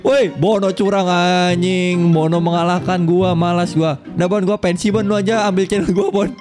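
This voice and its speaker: A young man with a high voice and talks fast and loud over a gaming session. He swears often, jumps between ideas and teases his co-player. Bright game music plays clearly behind him. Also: little pitch movement. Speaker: gaming YouTuber. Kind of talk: excited casual Minecraft commentary.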